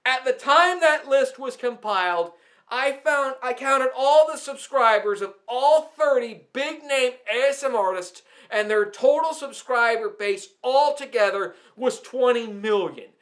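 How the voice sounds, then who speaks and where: A man who makes ASMR videos rants indignantly at the platform in a very high, slightly bright voice with lively intonation. Unhurried yet emphatic, he scolds and repeats phrases for effect.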